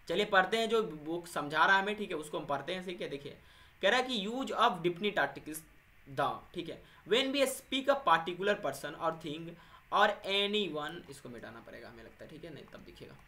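A man's voice: high voice, bright, forceful tone. Chatty male grammar teacher. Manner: chatty, repeats "okay" after nearly every point; addresses viewers as friends, stresses words by slowing down. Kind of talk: explanatory classroom-style lesson.

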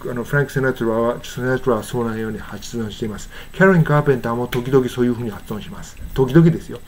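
An older man from Japan, teaching English pronunciation in a casual lesson, patiently repeating words slowly to show how they sound. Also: mid-range voice, a little hiss or hum.

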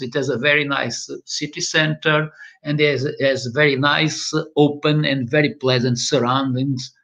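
A man's voice: on the high side, creaky, sharp tone. An older man from northern Portugal with a Portuguese accent gives an online lecture in English, hesitating and repeating words often. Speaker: professor. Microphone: webcam video call. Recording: lo-fi video call audio.

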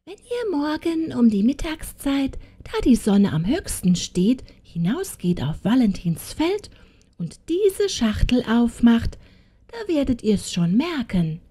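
A woman voicing a greedy, flattering old witch with a cooing, sing-song voice. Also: on the high side, measured pace. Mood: whispering.

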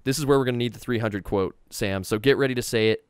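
A man's voice: mid-range voice, fast talker, clear, resonant tone, dry recording. A man hosting a board game stream, playful and teasing his guest. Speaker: host. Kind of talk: casual chat while playing a board game.

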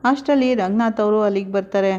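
Mellow-voiced woman retelling a serial. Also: medium pitch, brisk, lo-fi sound. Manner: plain storytelling pace, steady. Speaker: narrator. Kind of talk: casual retelling of a TV serial episode.

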